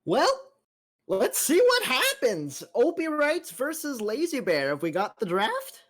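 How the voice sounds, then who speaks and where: A woman's voice: high-pitched, a little slow. A woman hosting a video game match cast, calling the draft and the play step by step. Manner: steady play-by-play, calls the draft and action. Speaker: host caster. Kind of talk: esports play-by-play.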